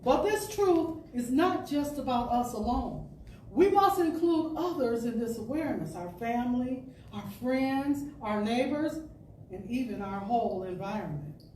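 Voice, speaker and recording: A storyteller at a spiritual center, a woman with a high voice and darkish tone, gives an expressive reading of an inspirational talk. She phrases things deliberately, taking her time and pausing for emphasis. The microphone is distant and roomy, picking up echo like a large indoor space along with background noise.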